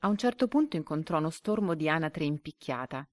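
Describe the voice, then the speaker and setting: A woman reading a story and then a comprehension quiz aloud like a teacher. She reads the quiz options slowly and deliberately. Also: low voice, lively intonation, darkish tone, no room sound, clean studio sound.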